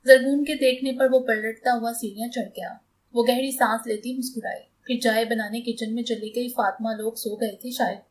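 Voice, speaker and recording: A woman narrating a romance novel audiobook in a steady storytelling manner. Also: fairly high pitch, moderate pace, low-quality recording.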